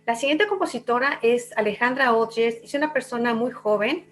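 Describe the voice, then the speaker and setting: Mexican woman calmly explaining music. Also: fairly high pitch, normal speed. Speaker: invited pianist guest.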